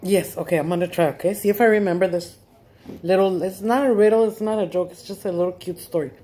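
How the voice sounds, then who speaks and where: A warm, lowish female voice with fairly even intonation and normal speed carries this casual vlog. The speaker, a middle-aged woman with a Mexican accent, talks to her viewers at home in mixed English and Spanish, with crude slang and frequent laughter.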